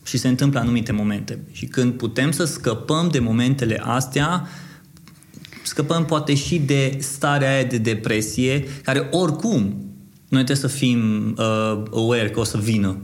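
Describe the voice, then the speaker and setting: A Romanian man hosting a podcast, thinking aloud in long, winding questions. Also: mid-range voice. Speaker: podcast host. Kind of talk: conversational interview.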